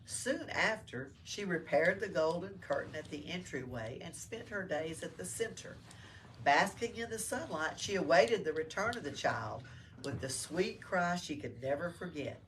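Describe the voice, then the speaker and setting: Inside a library, a woman working as a storyteller reads a storybook to children in an expressive voice on the low side, at a normal speed. The sound comes from a distant room mic and carries faint background noise.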